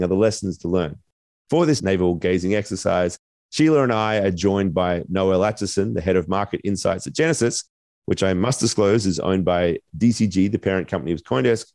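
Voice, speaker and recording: A man co-hosting a podcast, reading a measured intro and then musing aloud in a thoughtful, filler-laden way. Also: on the low side, gravelly, a little mellow, no echo. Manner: measured, thoughtful, many "you know" fillers. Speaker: podcast co-host. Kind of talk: scripted intro then casual discussion.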